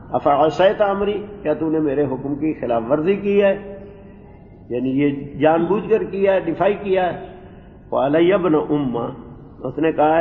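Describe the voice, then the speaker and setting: A man teaching a Quranic exegesis lesson, explaining Arabic grammar word by word in a calm lecturing way. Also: fairly high pitch, a little hiss or hum. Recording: dull roomy recording with long reverb.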